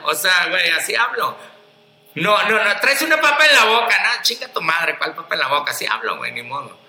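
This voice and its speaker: On a casual podcast, a Mexican man with a high, sharply bright voice and a Mexican Spanish accent speaks in an echoey room. He's blunt and profane, animated and fast, and keeps slipping into mocking impressions of others.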